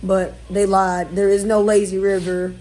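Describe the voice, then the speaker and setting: A man with a high yet dark-toned voice, measured pace and little pitch movement gives a rambling, casual vlog tour of a condo kitchen, packed with fillers and restarts. The indoor recording near a running washer is noisy with water and appliance sounds.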